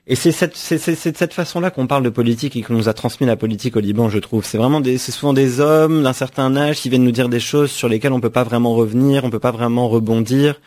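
A man's voice: medium pitch, quick pace, hardly any pauses, darkish tone. A young man from France speaks as a guest in a radio interview, answering at length in a reflective tone. He often stops, repeats a word, and restarts his sentence while he looks for the right phrasing. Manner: thoughtful, frequent restarts and repeated words. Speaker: author guest.

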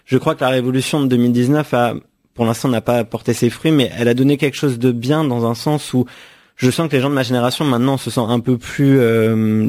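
A man's voice: medium pitch, darkish tone. A young man from France, an author answering radio interview questions in a thoughtful way, often restarting and repeating words. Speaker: author guest.

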